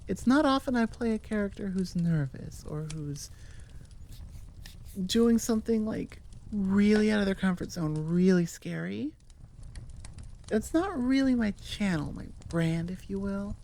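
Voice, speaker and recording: A woman hosting her audio channel signs off with a casual, rambling outro, teasing herself and wandering into tangents. Her mid-range voice is animated and warm, at a measured pace. She records at a computer mic into audio software, with a little hiss or hum.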